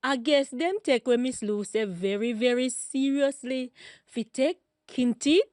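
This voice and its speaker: A woman's voice: high voice, unhurried, a little mellow. A woman with a Jamaican accent telling folk tales in Creole, expressively, often addressing her listeners with questions. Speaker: storyteller and channel host.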